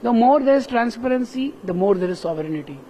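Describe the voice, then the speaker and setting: A professor from Kerala, India, speaking English with an Indian accent, is interviewed at a busy tech summit and explains his work earnestly, step by step, often adding "right?" His very high-pitched voice is animated, fast and warm. There's slight background noise.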